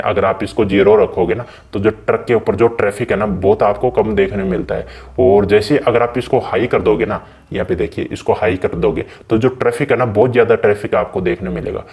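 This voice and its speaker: This gaming channel host has a fairly low-pitched voice with a darkish tone. Chatting away, he walks his audience through the game's settings in a relaxed manner, addressing them as brother again and again.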